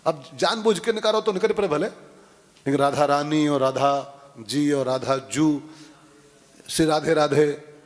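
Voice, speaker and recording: A man's voice: fairly high pitch, unhurried, in a large hall. A man preaching a devotional sermon, telling stories with acted-out quotes and often asking his audience "हाँ?". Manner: animated, acts out quotes, asks "हाँ?" to the audience. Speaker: preacher giving a religious discourse.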